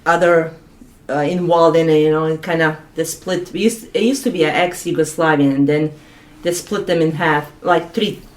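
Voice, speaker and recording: A woman's voice: low voice, fairly even intonation, normal speed, few pauses. A middle-aged woman from Bosnia with a Bosnian accent, answering conversationally as an interview guest. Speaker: podcast guest, nursing assistant.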